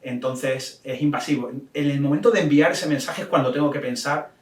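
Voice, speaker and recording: A man's voice: on the high side, fairly quick, recorded from a distance. A man giving an online training talk, explaining step by step with many fillers and restarts. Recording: echoey room, off the mic.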